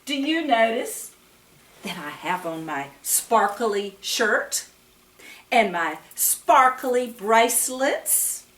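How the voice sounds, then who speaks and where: Speaking slowly in a fairly high, slightly bright, sing-song voice, a storyteller and Bible teacher leads a read-aloud storytime for young children, tossing questions to her listeners. The room echoes, and the microphone sits far from her.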